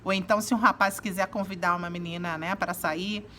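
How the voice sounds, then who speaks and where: A woman from Brazil teaching English in a casual video lesson. She explains slowly and acts out example phrases. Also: lowish voice, steady tone, pushed and bright, slight background noise.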